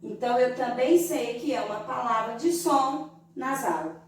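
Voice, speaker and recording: High-voiced Brazilian teacher in an echoey room. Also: female voice, animated, recorded from a distance. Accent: Brazilian Portuguese. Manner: slow and didactic, stretching syllables to show sounds. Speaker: primary school teacher. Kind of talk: recorded remote lesson for young children. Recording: very echoey room, voice from away from the mic.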